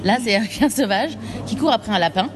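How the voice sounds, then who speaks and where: A woman's voice: mid-range voice, lively intonation, brisk. A woman casually discussing a film as a podcast panelist, hesitating and repeating her phrases. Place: waiting in a cinema queue. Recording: busy crowd and traffic behind.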